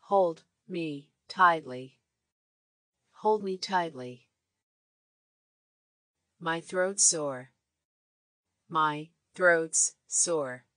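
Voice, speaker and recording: A woman reading short English phrases for learners, saying each one three times in a measured, clear way. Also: deep voice, fairly bright tone, no echo, clean studio sound. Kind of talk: slow repeated phrase drills.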